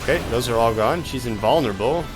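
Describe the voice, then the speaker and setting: Playful man gaming over loud background music. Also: medium pitch, fast. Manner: playful, casual, jokey asides. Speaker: gamer playing an online game with a group. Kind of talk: casual gameplay commentary. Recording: loud game music behind. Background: game music.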